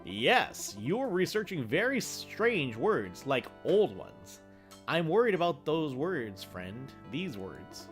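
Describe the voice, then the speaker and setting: A man's voice: fairly high pitch, big pitch swings, takes it slowly, faint music behind. A man voicing a chirpy, cheerful male AI program with a goofy cartoon-dog sound, friendly and doting, in a let's play. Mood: gentle, curious. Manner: chirpy, sing-song, robotically polite.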